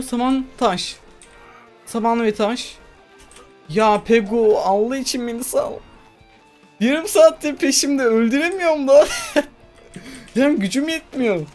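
Excitable woman commenting her gameplay. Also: on the high side. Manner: excitable, talks to herself while playing. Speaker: gamer. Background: faint game music.

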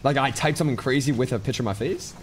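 An eighteen-year-old man streaming a game, talking fast and swearing as he loudly protests. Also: mid-range voice, over a noisy crowd. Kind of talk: casual chat while gaming.

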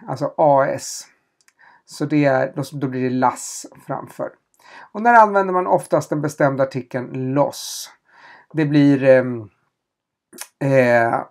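In a question-and-answer lesson, a language teacher with a medium-pitched voice patiently spells out letters and repeats them, hesitating slightly as he explains.

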